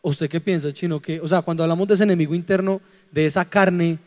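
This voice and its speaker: A man with a high voice preaches in a conversational way to young people. He is animated and throws out teasing rhetorical questions. His voice rings with the long reverb of a hall. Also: fast talker. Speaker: preacher leading a youth forum.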